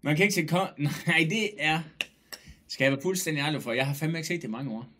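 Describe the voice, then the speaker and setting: A man with a slightly high voice chats loosely on a live stream. He jokes, swears often, calls out viewers by name and is sometimes loud. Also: lively intonation. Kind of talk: casual live-stream chat.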